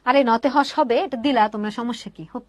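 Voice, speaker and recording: Young female teacher, high-pitched, dry close mic; rhetorical questions, English words sprinkled in. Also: a little fast, no echo. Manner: asks questions and answers them herself; mixes English words into her explanation. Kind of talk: online class explaining a poem.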